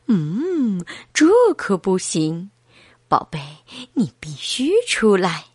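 A woman voicing a patient mother-to-be, soft and warm-toned, slightly lowered, in a children's storybook. Slow and dry. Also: very animated, slightly rough, dry recording, exaggerated voice. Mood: gentle.

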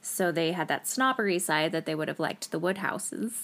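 A woman co-hosting a podcast in a casual, animated chat, laughing often and acting out what people said. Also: fairly low pitch, normal speed. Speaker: podcast co-host.

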